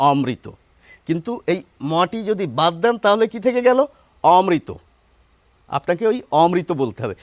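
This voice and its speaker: Man, pronunciation teacher, animated up-and-down delivery, spells words out step by step, dry close sound. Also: sits high, no echo. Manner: explains step by step, spelling words out slowly and asking rhetorical questions. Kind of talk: spoken lesson explaining pronunciation.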